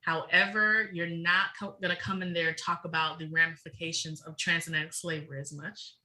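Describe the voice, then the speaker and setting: The speaker, a middle-aged woman interviewed as a researcher on a podcast, delivers her points with fast-flowing passion and emphasis. Her low voice holds a level tone yet sounds pushed and bright, and the audio quality is poor.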